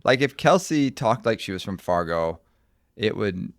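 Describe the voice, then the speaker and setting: A man co-hosting a podcast in casual chat, teasing his partner with deadpan banter. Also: fairly low pitch, moderate pace, no echo, clean studio sound. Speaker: podcast co-host.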